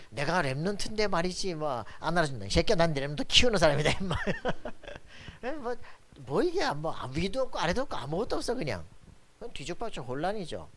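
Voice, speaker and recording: A man preaching a sermon as pastor, emphatic and colloquial, often asking his congregation for agreement. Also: on the high side. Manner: emphatic preaching with frequent "그죠?" tag questions; colloquial, blunt asides.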